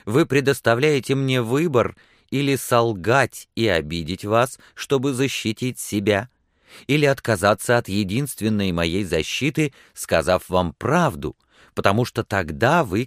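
Lively young woman in an audiobook, raised and exclaiming, clear and dry, as a low-voiced man puts her on. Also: moderate pace, few pauses, dry recording. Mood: protesting. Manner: emphatic, exclaiming. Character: spirited young woman, quick and proud.

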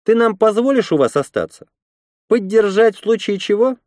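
A woman's voice: medium pitch, lively intonation, normal speed, a little mellow, dry recording, studio quality, voice pushed up, natural voice. A man voicing a wry, teasing young woman pilot.

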